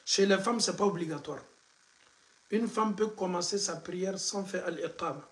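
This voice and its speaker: A man, an imam teaching the call to prayer and drilling its pronunciation through slow repetition. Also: high voice, a bit bright. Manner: switches between French and Bambara, drills pronunciation by slow repetition. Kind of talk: religious lesson.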